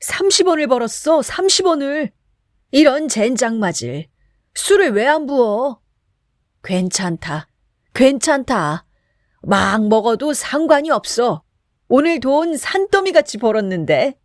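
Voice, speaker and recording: Woman doing a loud drunk laborer. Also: high-pitched, sing-song, measured pace, no room sound, studio quality, voice pushed up. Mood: drunken bluster. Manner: shouting, slurring curses. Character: drunk coarse middle-aged man, boastful and rowdy.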